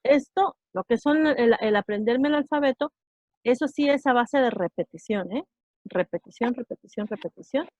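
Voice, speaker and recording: A woman's voice: sits high, normal speed, darkish tone, no room sound. A woman teaching an online English class, explaining sounds patiently and checking understanding often.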